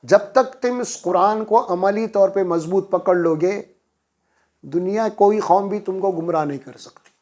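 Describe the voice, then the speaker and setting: A man's voice: high voice, darkish tone. A man preaching a Quran lesson, explaining verses and raising his voice for emphasis. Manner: preaching with rising emphasis, chanting Arabic verses.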